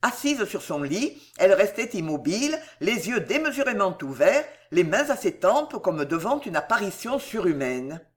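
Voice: mid-range voice, sing-song, moderate pace, hardly any pauses. A narrator giving a dramatic, emotive reading of a storybook. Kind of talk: expressive audiobook narration.

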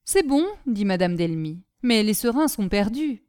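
A woman's voice: mid-range voice, very animated, measured pace, darkish tone, clean tone, no echo, studio quality. A woman voicing a stern, irritated lady of the house who questions sharply and impatiently.

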